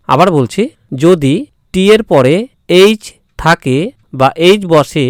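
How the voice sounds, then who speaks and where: Slow, patient male English pronunciation teacher. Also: on the high side, no room sound, studio quality. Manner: slow, repeats each word several times; spells words out letter by letter. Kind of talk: spelling-and-pronunciation lesson.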